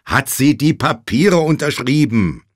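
A man voicing a worried man on a phone who shouts and pleads urgently. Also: mid-range voice, very animated, a little slow, dry recording, clean studio sound, voice pushed up. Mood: frantic.

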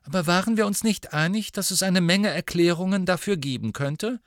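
A man voicing a brisk, impatient schoolgirl. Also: high voice, no echo, studio quality, voice pushed up, lightly acted. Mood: doubtful. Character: teenage schoolgirl, clever and impatient.

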